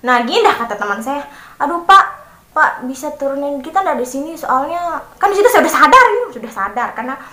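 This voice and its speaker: With a high voice and a fast delivery, a young Lombok vlogger animatedly recounts a story for her audience, performing the voices of the people involved. The clip was captured on a phone camera in an echoey room.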